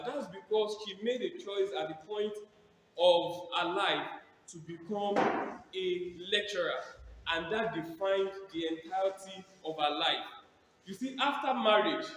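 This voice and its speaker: A guest speaker lectures students in a large lecture theatre, repeating key phrases and posing rhetorical questions to the audience. His voice is high-pitched and fairly bright. He uses a hand mic through a PA system, so the sound comes from far off in an echoey hall with slight background noise.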